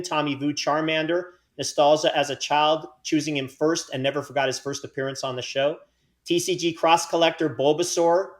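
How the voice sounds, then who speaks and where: A man hosting a casual podcast, joking and teasing himself as he reads out giveaway winners and details. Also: a little high. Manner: joking, self-mocking banter. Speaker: podcast host.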